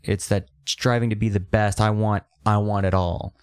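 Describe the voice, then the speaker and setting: A man's voice: lowish voice, level tone, normal speed, clean tone. A man in his thirties in casual podcast chat, rambling and emphatic, swearing freely. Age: 30s.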